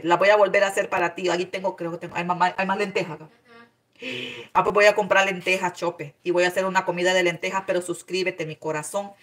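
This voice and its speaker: A woman's voice: lowish voice, a bit bright. A woman hosting a casual live stream, reading out viewer comments and greeting each one with affectionate endearments. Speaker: cooking channel host reading live chat.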